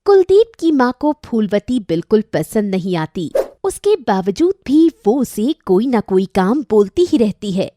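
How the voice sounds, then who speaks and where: A woman narrating a cartoon family story in a lively storytelling manner. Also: medium pitch, a little slow, no room sound.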